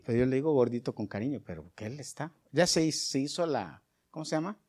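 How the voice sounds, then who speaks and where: A middle-aged male pastor, preaching a sermon that swings from soft, chatty asides to loud, rising bursts. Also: mid-range voice, lively intonation, fast talker, husky.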